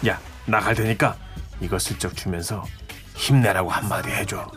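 A man's voice: deep voice, normal speed, music in the background, natural voice. An actor playing a teasing, bossy male shop owner in a radio drama.

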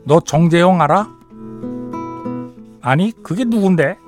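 A man's voice: a little high, slow. Male radio DJ, easygoing; reads listener texts and chats; faint music under the voice. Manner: relaxed banter, reads messages aloud and comments. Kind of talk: radio show, reading stories and listener messages. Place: radio studio.

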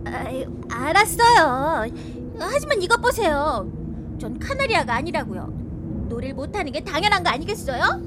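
An actress playing a pert, outspoken young captive heroine in a comic audio drama, chatty and expressive. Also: female voice, sits high, moderate pace, noisy background. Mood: pert protest.

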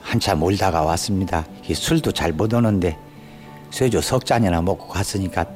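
A man's voice: low-pitched, moderate pace, a little mellow, soft background music. A man in his sixties speaking unscripted in a documentary interview. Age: 60s. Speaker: interviewee, retired educator.

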